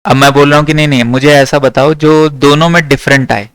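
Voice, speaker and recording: Smooth, crisp male maths teacher. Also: a little high, steady tone, brisk, fairly bright tone, no echo. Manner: checks in with the class often. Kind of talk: classroom lecture.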